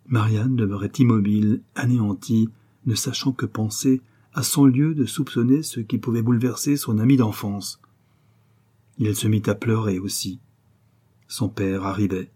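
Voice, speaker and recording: Dark-voiced male audiobook narrator. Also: on the low side, fairly even intonation, normal speed, husky.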